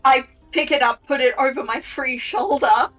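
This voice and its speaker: A woman's voice: high voice, normal speed, fairly bright tone, recorded from a distance, faint music behind, rough recording. A woman playing a tabletop game, describing her character's moves in a matter-of-fact way.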